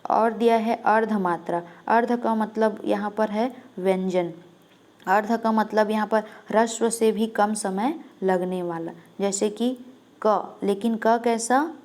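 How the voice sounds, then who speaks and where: A woman teaching an exam-prep lesson at a mid-range pitch. She works through each point patiently and keeps asking questions that she answers herself. When she gives an example, she lingers on the sound and stretches it out. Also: steady tone, a little slow, a little mellow. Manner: explains step by step, asks and answers her own questions; drags out sounds when demonstrating.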